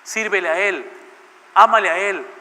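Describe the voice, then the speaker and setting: A man's voice: high voice, normal speed, full character voice. A pastor voicing an older male church mentor who patiently but firmly presses and corrects a young man, in a hall with a long echo. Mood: earnest. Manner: insistent, gently scolding.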